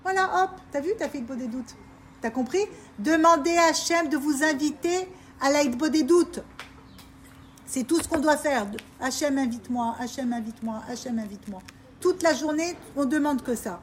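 A woman's voice: high-pitched, normal speed, slight background noise. A woman teaching a group of women about faith, emphatic and repetitive, often asking her listeners if they understand. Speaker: religious teacher. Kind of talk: informal Torah talk to women.

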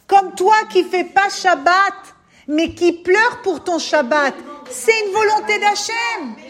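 A woman with a high voice explains spiritual teaching to someone in conversation. She is emphatic and coaxing, and she keeps calling for attention. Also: slow, a bit bright. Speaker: spiritual advisor.

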